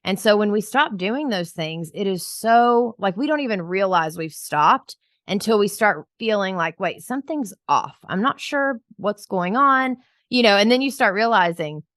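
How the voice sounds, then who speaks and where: A woman's voice: medium pitch, expressive, moderate pace, a bit bright, dry recording, clean studio sound. A woman co-hosting a podcast for professional organizers, talking in an upbeat, chatty way with many filler words. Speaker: podcast co-host. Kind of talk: casual podcast chat.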